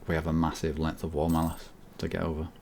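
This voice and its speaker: A man's voice: extremely low pitch, monotone, fast, vocal fry, a little mellow, slight background noise. A man thinking aloud as he plays a strategy game, with wry asides, at a desk microphone. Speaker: gaming channel host.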